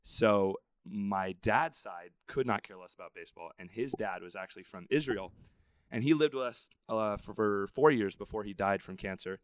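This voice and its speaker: Smooth low-voiced podcast guest man. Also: normal speed, no room sound. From Southern California. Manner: candid, self-deprecating storyteller. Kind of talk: casual interview.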